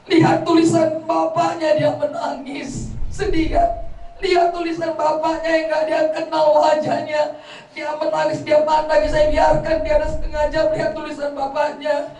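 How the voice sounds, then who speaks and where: A woman's voice: high voice, monotone, moderate pace, mellow. A middle-aged woman gives a eulogy at a funeral gathering, telling heartfelt family stories and quoting her relatives. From North Sumatra. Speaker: daughter giving a eulogy. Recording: echoey room, voice from far off the mic.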